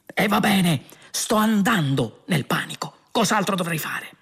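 A man voicing Arthur, a bewildered and anxious ordinary man, halting and slow, in an audiobook. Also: sits high, expressive, gravelly, a bit bright, husky, pitched above the performer's own voice, full character voice. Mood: panicked. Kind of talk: audiobook character voice.

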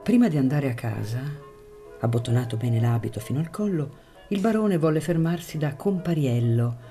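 Woman, audiobook narrator, measured, mellow, dark tone. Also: a bass voice. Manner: measured, clear storytelling. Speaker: audiobook reader. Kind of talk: literary narration read aloud.

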